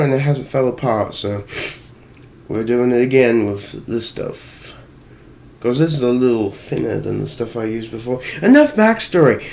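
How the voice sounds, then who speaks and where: A cosplay maker speaks from inside a costume helmet that muffles his low, creaky, darkish voice, with slight background noise. In this how-to tutorial vlog he puts on a British accent, rambling and making self-deprecating jokes while walking through his build.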